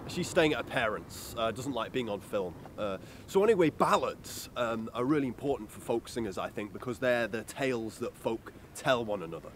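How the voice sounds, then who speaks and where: A man's voice: mid-range voice, lively intonation, normal speed, hardly any pauses, fairly bright tone, a little hiss or hum, close to an everyday voice. An actor playing an earnest, clueless male folk singer who rambles and hesitates through a mockumentary interview. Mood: rambling earnest. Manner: rambling, hesitant, full of filler sounds. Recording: roomy, distant sound.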